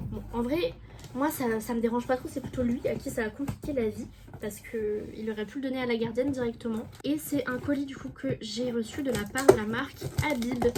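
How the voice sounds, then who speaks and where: A woman's voice: on the high side, background noise. Chatty young Frenchwoman unboxing beauty products. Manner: chatty, enthusiastic, rambling asides. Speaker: beauty vlogger. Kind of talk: casual unboxing chat.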